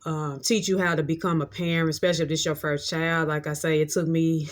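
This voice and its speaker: Woman in her late thirties, casual storytime monologue, flat even delivery, rambling and heartfelt. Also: low voice, fairly quick. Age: 30s. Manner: rambling, repeats "like I say" often; heartfelt, reflective. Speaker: vlogger.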